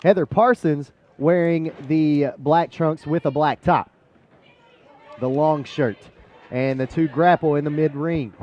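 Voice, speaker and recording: A man's voice: fairly high pitch, takes it slowly, a little mellow, highs cut off. A man calling a live cage fight as play-by-play sports commentator.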